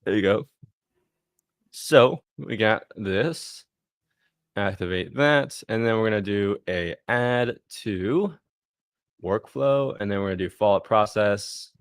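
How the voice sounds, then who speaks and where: Low-voiced man talking through a demo. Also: takes it slowly, dry recording, studio quality. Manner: relaxed, thinks aloud while clicking, punctuates steps with "boom". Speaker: guest walking through a software demo. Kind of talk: casual live screen-share tutorial.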